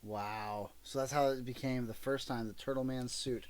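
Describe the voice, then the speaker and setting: A father hosts a casual podcast, gently asking his child questions before signing off with an upbeat reminder for listeners. His voice is medium in pitch and steady in tone, at a normal speed.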